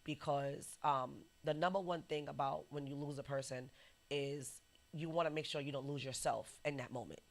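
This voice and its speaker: A woman hosting a podcast, chatting casually and telling lively stories that she acts out, sometimes dropping to a whisper. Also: sits low, moderate pace. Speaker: podcast host. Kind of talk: casual chat and storytelling.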